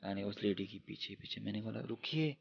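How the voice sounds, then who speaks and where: A man's voice: lowish voice, completely flat delivery, fast talker, vocal fry, lo-fi sound, slight background noise. A young man telling a true horror story in a casual, chatty way, speaking straight to his viewers with lots of English fillers.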